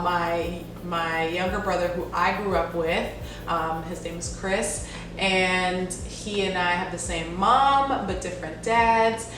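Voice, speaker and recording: A woman in her twenties from Jamaica, chatting casually as a beauty vlogger answering viewer questions, with lots of "um" and "like". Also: lowish voice. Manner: chatty, friendly, with frequent "um" and "like". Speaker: beauty YouTuber. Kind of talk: casual Q&A vlog. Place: home in New Jersey. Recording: echoey room, mic at a distance, background noise.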